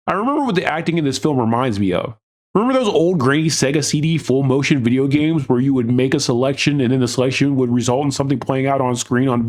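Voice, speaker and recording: A man hosting a film recap, narrating scripted comedic review with sarcastic, mocking asides. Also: mid-range voice. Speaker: host of a film recap show.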